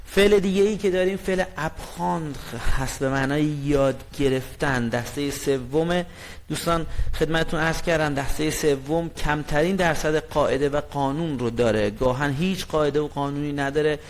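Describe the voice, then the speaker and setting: A man teaching a language lesson, explaining grammar in a friendly way and reading example sentences very slowly and clearly. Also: on the high side, a little hiss or hum. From Iran.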